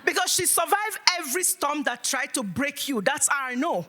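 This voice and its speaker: High, lively woman giving a rousing keynote. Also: moderate pace. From Africa. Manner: rousing, preacher-like call and response. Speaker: motivational speaker. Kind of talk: motivational keynote speech.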